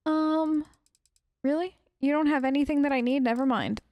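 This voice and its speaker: A woman's voice: sits high, moderate pace, a little mellow, dry recording. A woman hosting a gaming video, chatting casually and playfully and talking back to game characters. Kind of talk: casual gameplay commentary.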